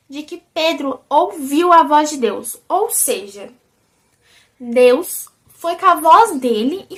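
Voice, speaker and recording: A young woman with a Brazilian accent hosts a casual vlog. Her voice is high and squeaky, almost childlike, and she talks in an animated way. She keeps turning to her viewers as she chats. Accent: Brazilian Portuguese. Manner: animated and chatty, often calls the viewers "gente". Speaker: vlogger. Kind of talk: casual religious video chat.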